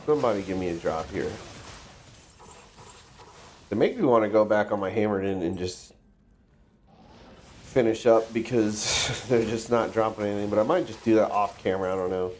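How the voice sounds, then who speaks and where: Man, congested, stuffy nose, lowish voice, casual game stream chatter, offhand swearing. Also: brisk, a little mellow, slight background noise. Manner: talks to himself, swears offhandedly. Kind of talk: casual gameplay livestream commentary.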